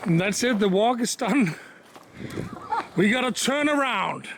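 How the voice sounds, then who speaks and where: Guy with a really high slightly creaky voice, slow, playful vlog chat, windy outside. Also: animated. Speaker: vlog co-host. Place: outdoors in woodland. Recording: wind and outdoor noise.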